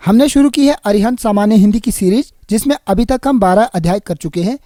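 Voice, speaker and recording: A woman reading a scripted grammar lesson in an even, measured way. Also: medium pitch, dry recording, studio quality. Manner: even, measured read-aloud delivery. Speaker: Hindi grammar tutor.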